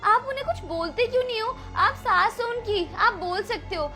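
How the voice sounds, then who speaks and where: A woman's voice: very high voice, moderate pace, sharp tone, faint music behind. A woman playing a young married daughter visiting home, talking in a scolding, confrontational way. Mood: indignant.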